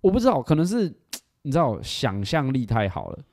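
A man chats fast and frankly on a podcast, with a mellow, dark tone at a mid pitch. He drops casual swears and laughs at himself as he talks. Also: wildly swooping pitch. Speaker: podcast co-host.

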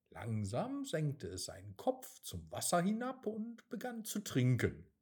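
A man narrating a children's fable slowly, with very lively intonation. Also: medium pitch, slightly rough. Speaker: storyteller.

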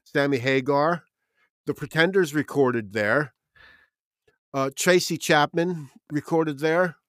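A man's voice: fairly high pitch, slow pace, a bit bright, dry recording, studio quality. New Jersey man in rambling chat. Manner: rambling storyteller, reels off long lists. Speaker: podcast co-host. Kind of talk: casual chat.

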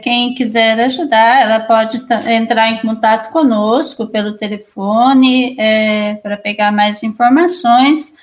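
A woman, a nun coordinating a care house, speaking plainly and slowly. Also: on the high side. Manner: slow, plain, dictates numbers. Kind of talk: radio interview answer.

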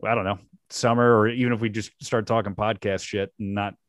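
A man's voice: fairly low pitch, level tone, a little fast, no room sound, clean studio sound. A man chatting as a podcast guest over a video call, easygoing, agreeing often and laughing easily.

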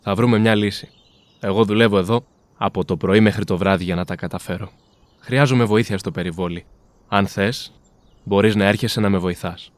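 A man's voice: fairly low pitch, dry recording, natural voice. A man playing a poor, hard-working farmer and father in a storybook reading, plain and heartfelt. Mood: kind. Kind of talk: storybook character voice.

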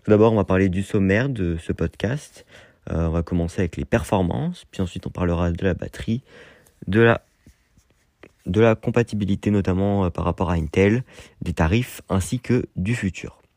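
Young male podcast host, low mellow voice, hesitant and rambling, dry close recording. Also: normal speed, dry recording. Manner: hesitant, many fillers and restarts. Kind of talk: casual solo podcast talk.

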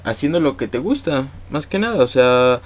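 A man's voice: mid-range voice, lively intonation, normal speed. A man with a Mexican accent, a musician guest in a casual interview, talking in an easygoing, thankful way with lots of fillers. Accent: Mexican Spanish.

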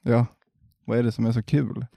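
A man on a podcast asking questions in a halting, casual way. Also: medium pitch, little pitch movement, gravelly, mellow, breathy edge, dry recording, studio quality. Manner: halting, laughs easily.

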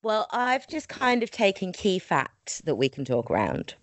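A woman's voice: medium pitch, huge pitch swings, measured pace, dry recording. A woman co-hosting a true crime podcast in casual chat, swearing freely and laughing often. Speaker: podcast co-host.

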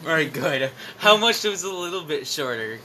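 A man's voice: fairly high pitch, expressive, normal speed, sharp tone, slight background noise. A man hosting a casual chat, joking and teasing his guests as he steers the topics. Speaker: podcast host.

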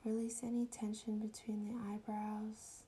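A woman leading a guided meditation in a soft, breathy, often whispery voice, soothing and hushed like at a spa, with long pauses. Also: mid-range voice, completely flat delivery.

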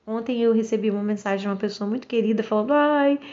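In a muffled recording, a Brazilian woman in her forties talks straight to camera in a casual vlog monologue, speaking very fast with a flat delivery and a mellow, medium-pitched voice. She is outspoken and direct, with a Brazilian Portuguese accent, and acts out the voices of people she quotes.

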